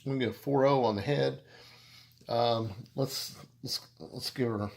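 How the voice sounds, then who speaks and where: A man casually reviewing a beer on his video channel, rambling and halting with many restarts and fillers, and making self-deprecating jokes. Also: mid-range voice, vocal fry, a little mellow.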